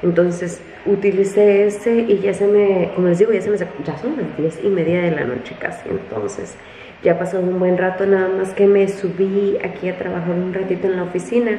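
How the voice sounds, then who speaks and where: A young woman talking casually in a home vlog, chatty and animated, cooing at her pets. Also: lowish voice, moderate pace, echoey room, slight background noise. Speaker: family vlogger.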